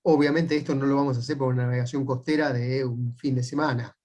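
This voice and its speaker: A man with a Rioplatense Spanish accent teaching a sailing class, explaining step by step and often checking in with quick "right?" tags. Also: medium pitch, steady tone, a little mellow. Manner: patient, methodical step-by-step explaining. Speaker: sailing instructor.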